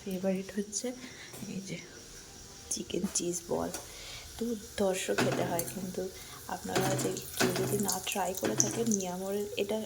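A woman chatting casually in a home vlog, talking softly with lots of fillers. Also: mid-range voice, steady tone, moderate pace. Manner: chatty, rambling with many fillers; talks softly so her sleeping son isn't woken. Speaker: vlogger. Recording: clear background noise.

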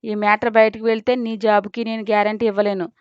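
A woman voicing a scheming middle-aged male manager who blusters and shouts melodramatically. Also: medium pitch, flat delivery, brisk, smooth, no room sound, close to an everyday voice. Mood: blustering. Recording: dull lo-fi dry recording.

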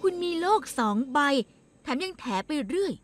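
A hurt, fiery wife. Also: female voice, extremely high pitch, lively intonation, moderate pace, over music. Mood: scolding. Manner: sharp, scolding, tearful. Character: hurt, fiery married woman in her thirties. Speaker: wife who has quarreled with her husband. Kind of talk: Thai dub of a TV drama.

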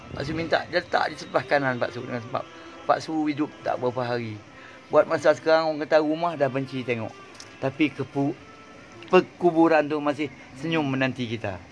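A man in his eighties from Kedah with a Malaysian Malay accent, reflecting on faith in a halting, rambling way, recorded on a phone in a small room. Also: fairly high pitch. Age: 80s. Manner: halting, rambling, sprinkles Arabic phrases. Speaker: interviewee. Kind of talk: religious reflection. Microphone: phone held close.

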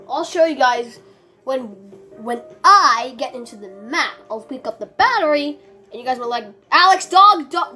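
Woman, high-ish voice, casual gameplay commentary, excitable, rambling, faint game music underneath. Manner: chatty, excitable, rambling with restarts. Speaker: gaming video creator.

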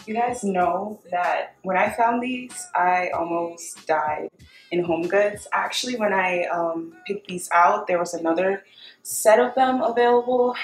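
Gushing young woman in a roomy space. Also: medium pitch. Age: young adult. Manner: gushing, enthusiastic about finds. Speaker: home decor vlogger. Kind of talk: casual chat to camera, home makeover reveal. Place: small dining room at home, indoors. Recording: roomy echo, faint music behind.

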